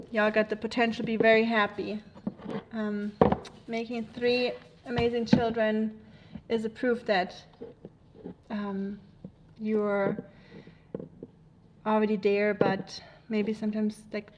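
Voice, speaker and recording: A German woman with a German accent hosts a casual livestream, easygoingly rambling through viewer comments and laughing readily. Her voice is mid-range, with background noise present.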